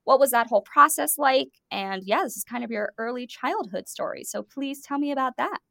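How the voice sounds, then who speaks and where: A woman's voice: high-pitched, lively intonation, a little fast, vocal fry, bright, forceful tone, dry recording, studio quality. Upbeat woman hosting a podcast. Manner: enthusiastic, reads guest bios with emphasis. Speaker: guest podcast host. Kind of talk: scripted introduction then interview.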